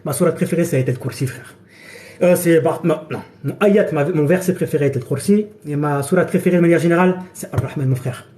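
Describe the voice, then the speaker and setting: Guy with a high but mellow voice, chill live chat, keeps saying brother. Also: fast. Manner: relaxed, addresses viewers as brother. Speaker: TikTok live streamer. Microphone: phone.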